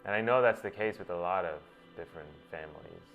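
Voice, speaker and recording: This host has a low-pitched voice with vocal fry and talks fast. His first language is Gujarati, and he thinks aloud in a reflective monologue, frequently starting phrases over as ideas take shape. Faint music plays under a dull lo-fi recording.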